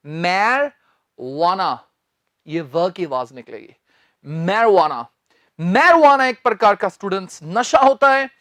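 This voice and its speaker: Male English teacher, unhurried, drills pronunciation and quizzes students, dry recording. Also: extremely high pitch, a bit bright, no room sound. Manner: spells words out letter by letter and repeats pronunciations; keeps addressing the students and asking them to say words back. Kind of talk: spoken English lecture.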